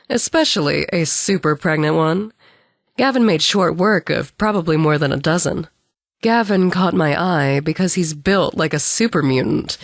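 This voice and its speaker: A woman's voice: on the low side, vocal fry, no room sound, clean studio sound, exaggerated voice. An actress playing a tough, sardonic wasteland woman in a video game, talking bluntly and conversationally. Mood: wry. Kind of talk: video game character dialogue.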